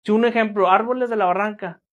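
A man's voice: high voice, steady tone, quick pace, highs cut off. Slangy Mexican man joking to camera. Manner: slangy, joking, mock voices in quotes. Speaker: vlogger and musician. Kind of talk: casual comedic sketches.

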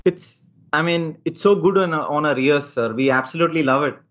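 High-voiced man, effusive host. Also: fast talker, a bit bright. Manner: effusive, deferential, often saying sir. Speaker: podcast host. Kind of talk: casual interview chat. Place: small room at home, on a video call. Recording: dull, muffled video-call audio.

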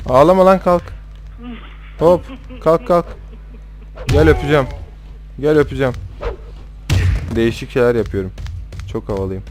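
A young man commentating his own gameplay in casual talk, rowdy and swearing at the characters on screen. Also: medium pitch. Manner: rowdy, swearing, trash-talking the game characters. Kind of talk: casual let's-play commentary.

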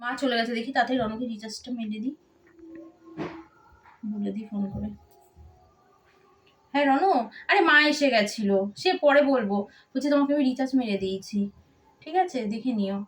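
A woman's voice: on the high side, normal speed, long pauses, fairly bright tone, natural voice. A young woman playing a college girl who pleads and argues with her mother, with a Kolkata Bengali accent. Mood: hushed. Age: young adult. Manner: pleading, defensive, whispering on the phone. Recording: echoey room, voice from far off.

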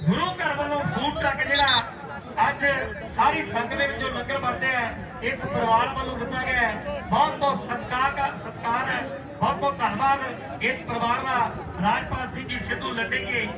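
A man's voice: extremely high pitch, steady tone, moderate pace. A man with a Punjabi accent giving declamatory rural sports commentary, mixing play calls, announcements and recited verse, repeating phrases for emphasis. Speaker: kabaddi match commentator and announcer. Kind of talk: rural tournament commentary mixed with thank-yous and recited folk verse. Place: outdoor sports ground. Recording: echoey outdoor PA, distant, crowd noise.

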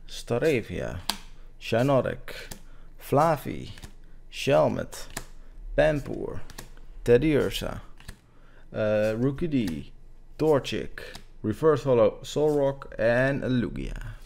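A man's voice: mid-range voice, lively intonation, extremely slow, creaky, long pauses, a little mellow, slight background noise. A young man casually commentating on a livestream and reading out card names. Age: young adult. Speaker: card pack-opening streamer. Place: small home room with shelves, indoors.

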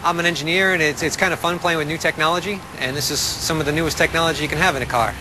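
Man, engineer, matter-of-fact, outdoors, fairly high pitch, street noise. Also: fairly even intonation, racing. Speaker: engineer and test driver. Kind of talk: casual interview.

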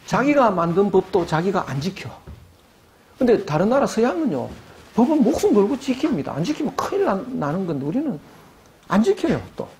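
A man's voice: high-pitched, a little mellow. An older man giving an academic lecture, asking rhetorical questions and acting out quoted voices.

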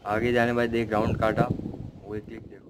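A young man from India vlogging outdoors, rambling and self-critical, mixing English into his talk, with loud wind on the phone mic. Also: on the low side, completely flat delivery, a little fast. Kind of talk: casual vlog chat. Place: outdoors by a road, wind blowing. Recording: loud wind and street noise.

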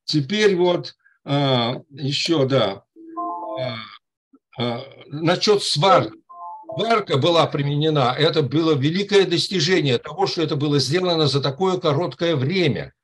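This is a man in his eighties speaking into a webcam from his room at home. His voice is husky and sits a bit high. He rambles through his points, restarting words and hesitating often. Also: measured pace, faint music behind. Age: 80s. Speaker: club member commenting. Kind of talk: casual chat on a video call. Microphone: webcam on a video call.

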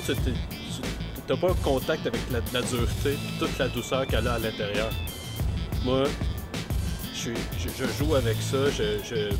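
A young man with a Quebec French accent playing a self-absorbed rival bowler in a mockumentary, curt and dismissive. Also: medium pitch. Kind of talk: mockumentary comedy interview. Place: outdoors in a city plaza at dusk.

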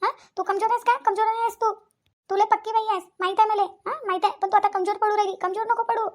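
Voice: very high-pitched, little pitch movement. A voice actor playing an older village aunt with a Vidarbha Marathi accent who gives firm, repetitive advice in a cartoon. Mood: rousing. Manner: preachy, repeats points, fast. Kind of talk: cartoon voice acting.

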